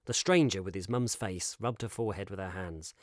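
A man narrating a children's storybook in an expressive, measured way. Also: deep voice, no room sound, studio quality.

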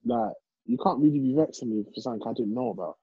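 A man's voice: medium pitch, fast talker, breathy edge. A young man with a London roadman accent, chatting casually in slangy, incredulous street banter. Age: young adult. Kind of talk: casual chat. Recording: muffled, roomy sound.

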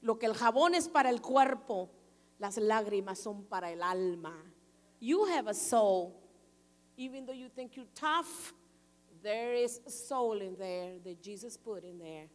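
A woman's voice: fairly high pitch, animated, takes it slowly. A woman pastor preaching a sermon in an emphatic, declaring manner. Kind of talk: bilingual sermon. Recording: long echo of a large hall.

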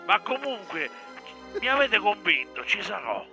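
High-voiced man over the phone. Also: big pitch swings, measured pace, creaky, pushed and bright, faint music behind. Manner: crude, teasing, rambling. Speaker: caller. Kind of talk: comedic phone-in banter.

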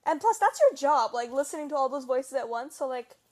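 A woman's voice: sits high, lively intonation, fairly quick, crowd noise. A young woman hosting a podcast in casual chat, talking loosely with lots of fillers and frequent laughs. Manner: chatty, laughs often, lots of "like". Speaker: podcast host.

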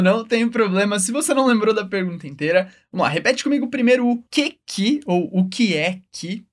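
A woman with a Brazilian Portuguese accent teaching French, upbeat and encouraging, slowing words down for the listener to repeat. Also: mid-range voice. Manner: upbeat, encouraging, says words slowly for repetition. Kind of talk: language lesson.

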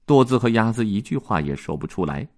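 A man reading a children's story aloud, with lively, expressive narration. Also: lowish voice, a little fast.

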